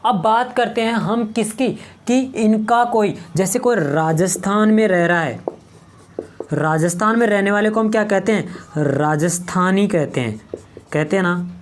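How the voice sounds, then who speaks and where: Guy teaching grammar at a board, asks then answers himself, says every term over and over, slow drilling. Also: high voice, a little hiss or hum. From Rajasthan, India. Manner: asks the class questions and answers them himself, repeating key terms; slow, drawn-out drilling of words. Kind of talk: exam-prep grammar lesson at a board.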